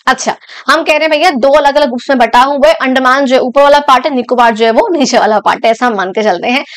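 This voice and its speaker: A woman's voice: high-pitched, fast talker. A young woman teacher explaining a school geography lesson in a chatty way, often stopping to check that the students follow. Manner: chatty, repeats and checks understanding.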